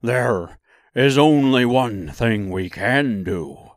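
A man voicing an earnest, pleading cowardly lion with loud, emphatic delivery in a storybook reading. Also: medium pitch, lively intonation, dry recording, clean studio sound. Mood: mournful resolve. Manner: loud, emphatic, slow declarations.

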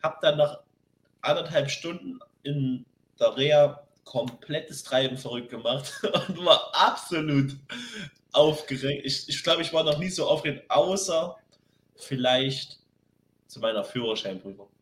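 A man's voice: on the high side, a little slow. Young man rambling in slang, echoey room. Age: young adult. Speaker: podcast co-host. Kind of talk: casual chat.

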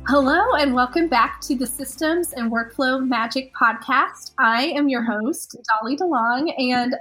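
A woman's voice: high voice, unhurried, sharp tone, slightly rough, soft background music, rough recording. A woman hosting a podcast, chatty and enthusiastic, sounding a bit stuffy from a cold. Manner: chatty and enthusiastic, rambling asides. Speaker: podcast host. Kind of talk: casual podcast chat.

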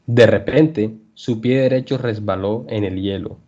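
A man's voice: lowish voice, warm tone. Man reading a story for learners. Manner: clear measured reading. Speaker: language teacher. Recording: dull lo-fi podcast audio.

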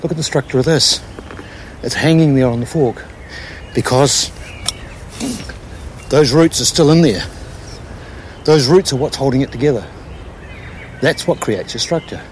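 Speaking at a measured pace in a mid-range voice and pausing often, this organic gardener demonstrates hands-on gardening to a documentary camera. His informal explanations are earnest and plain, with repeated words for emphasis, over slight background noise.

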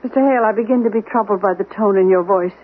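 A woman's voice: medium pitch, racing, husky, close to an everyday voice. A woman playing a formal, composed household servant who lectures her employer in a 1970s radio drama. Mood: prim. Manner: formal, unflappable, gently reproving. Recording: tinny old radio broadcast, faint hiss.

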